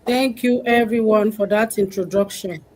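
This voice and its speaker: A woman's voice: mid-range voice, steady tone, normal speed, darkish tone, a little hiss or hum, poor audio. A woman from Nigeria, hosting a live-stream talk with upbeat, welcoming greetings. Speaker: host of a live panel.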